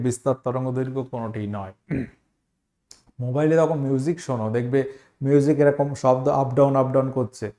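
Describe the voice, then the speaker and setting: A man's voice: mid-range voice, a little mellow. A man teaching an exam-prep science lesson, explaining step by step, repeating key terms and asking the students questions.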